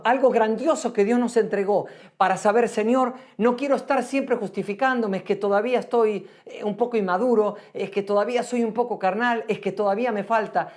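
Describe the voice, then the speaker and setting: A woman preaching a sermon in an earnest, emphatic way, repeating phrases for stress and slowing to a hush on key lines. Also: medium pitch.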